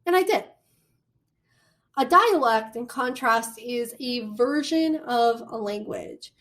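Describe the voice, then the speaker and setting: A woman with a Midwestern American accent giving a recorded college lecture, chatty and animated, with storytelling asides. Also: a little high, slow. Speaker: college communication instructor.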